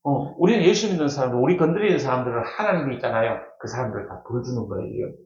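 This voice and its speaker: A man's voice: mid-range voice, lively intonation, fast, darkish tone. A male pastor, likely middle-aged, preaching a sermon in a church. He talks emphatically, repeats key words and puts questions to the congregation. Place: church sanctuary. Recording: echoey church hall, dull lo-fi sound.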